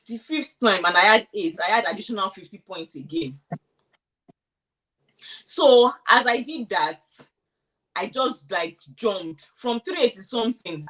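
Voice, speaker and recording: A woman's voice: medium pitch, normal speed, recorded from a distance. A woman being interviewed, chatting casually and animatedly about her own experience, acting out what she thought and said. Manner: animated, acts out quoted thoughts. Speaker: interviewee sharing her immigration story. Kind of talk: casual conversational storytelling.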